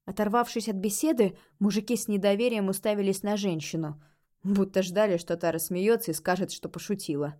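A woman narrating a first-person audiobook in an expressive, lively way. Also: medium pitch, fairly quick.

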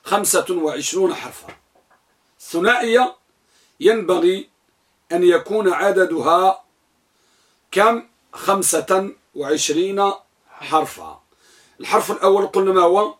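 A man with a high-pitched voice leads a classroom grammar lesson. He drills his students with questions and repeats each answer back to them. Then he recites a long list one item at a time in a steady rhythm. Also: a little slow, pauses often. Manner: lists items in a steady recital. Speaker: grammar teacher.

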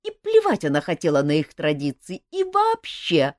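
A woman with a low voice reads a fantasy story, her pitch swinging widely as she performs it. The sound is close and dry, with no room echo. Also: moderate pace. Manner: lively, expressive. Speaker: audiobook narrator. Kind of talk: expressive fantasy audiobook reading.

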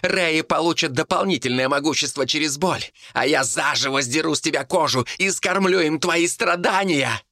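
A man's voice: on the high side, moderate pace, few pauses, bright, forceful tone, no room sound, clean studio sound, voice pushed up. A man voicing a scheming, ranting male monk who shrieks threats and then turns sugary.

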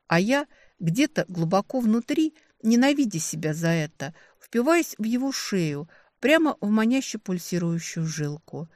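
An audiobook narrator reading a dark fantasy novel in an expressive, dramatic way. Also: medium pitch, normal speed, no echo.

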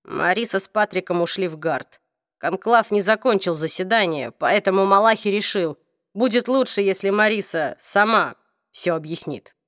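Woman reading as a smooth mocking young warrior. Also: medium pitch, moderate pace, no echo, studio quality, natural voice. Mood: dry, mocking. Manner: even, faintly mocking tone.

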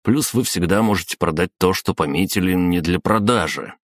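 A man's voice: low-pitched, moderate pace, no echo. A man voicing a serious, loyal male assistant, a former taxi driver, who speaks in a restrained and businesslike way in an audiobook. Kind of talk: audiobook character voice.

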